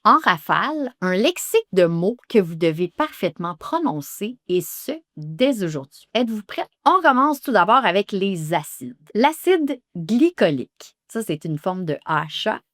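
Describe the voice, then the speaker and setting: A woman with a Québécois French accent, coaching pronunciation by saying each word slowly and carefully and then repeating it syllable by syllable. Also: lowish voice, very animated, a bit bright, dry recording, studio quality. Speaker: esthetics coach. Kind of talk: pronunciation lesson.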